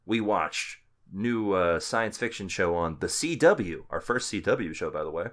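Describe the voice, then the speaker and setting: A man's voice: low voice, lively intonation, a little slow, a bit bright. A man co-hosting a TV podcast, chatting casually and joking with friends. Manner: joking, rambling with fillers. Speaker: podcast co-host. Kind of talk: casual chat.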